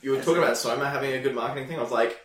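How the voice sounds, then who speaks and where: A man chatting casually on a podcast, quick to chime in with facts. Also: mid-range voice, a bit bright, distant mic. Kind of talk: casual chat. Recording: roomy echo.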